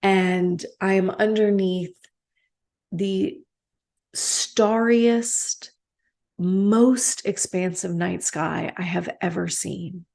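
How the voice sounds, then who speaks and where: Woman, meditation teacher, slow and gentle reflective talk, lower voice, soft pauses. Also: vocal fry.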